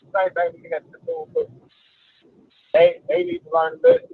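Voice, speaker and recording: A man from Atlanta calls into a radio show on speakerphone, sitting well back from the phone so he sounds tinny and distant. His voice is high, swinging and gravelly, and he talks casually, stumbling and repeating words as he goes. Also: huge pitch swings, moderate pace. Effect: on speakerphone, far from the phone. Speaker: caller. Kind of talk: call-in radio chat.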